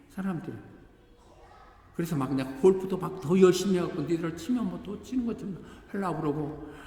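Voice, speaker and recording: An older man preaches in a relaxed, talkative way, jumping up in pitch whenever he acts out what someone said. His voice rings through a large church hall with a long reverb and a faint background hiss. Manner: conversational, acts out quoted voices with animated pitch jumps. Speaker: pastor. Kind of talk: sermon.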